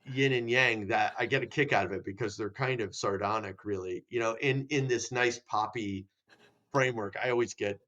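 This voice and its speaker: A musician guest in casual chat, talking in rambling, searching sentences with many "you know"s. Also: male voice, on the low side, normal speed, bright, forceful tone, highs cut off.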